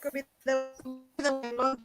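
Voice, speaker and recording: A woman's voice: sits high, flat delivery, slow pace, loud music behind the voice. A woman guest chatting casually in an interview over a video call, her audio choppy and breaking up. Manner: chatty, loose, filler-heavy talk. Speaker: interview guest, home cook.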